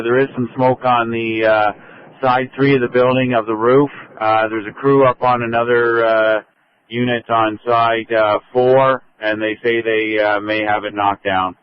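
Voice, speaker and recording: A man's voice: medium pitch, level tone, normal speed, clean tone. A man working as a fire incident commander on a two-way radio, giving procedural dispatch traffic and repeating reports back. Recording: muffled lo-fi fire radio transmission.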